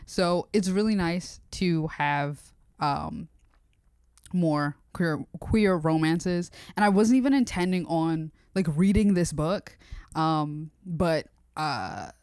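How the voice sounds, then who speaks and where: A young woman with a fairly low voice chats casually about her reading, full of fillers and slang, and acts out her own reactions with energy. The sound is dry and close, with no room around it. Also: no room sound. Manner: casual, chatty, many fillers, slangy and animated when retelling. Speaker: book vlogger. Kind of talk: casual chat.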